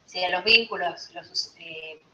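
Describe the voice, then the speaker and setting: A woman's voice: on the low side, unhurried, pushed and bright. A woman with a Rioplatense Spanish accent gives an informal astrology lesson, talking conversationally and often checking in with her listeners. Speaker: astrology teacher. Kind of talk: informal teaching talk to a group. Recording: roomy, slightly dull recording.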